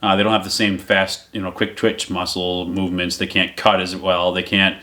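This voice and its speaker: A man in his thirties co-hosts a laid-back golf podcast from a friend's house. His voice sits on the low side. He rambles and restarts sentences freely. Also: little pitch movement, normal speed, sharp tone. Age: 30s. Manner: rambling, restarts and laughs often. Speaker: podcast co-host; teacher. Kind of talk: casual chat.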